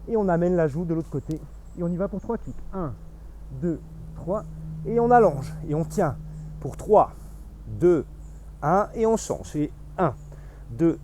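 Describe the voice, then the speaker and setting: Male Pilates instructor, bit high, mellow tone, counts reps mid-workout. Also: a little hiss or hum. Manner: cueing and counting reps while exercising.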